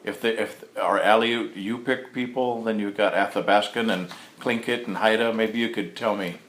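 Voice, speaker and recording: A male interviewer asking curious, halting questions with frequent fillers. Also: lowish voice, steady tone, a bit bright, a little hiss or hum. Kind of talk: casual interview. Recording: echoey room with faint ambience.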